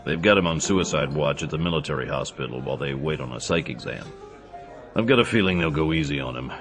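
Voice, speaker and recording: Very deep-voiced, laconic action hero. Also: male voice, expressive, fast, fairly bright tone, faint music behind, heavily acted. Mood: matter-of-fact. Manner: dry, understated. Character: tough, laconic male action hero, drily teasing. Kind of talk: audio drama dialogue.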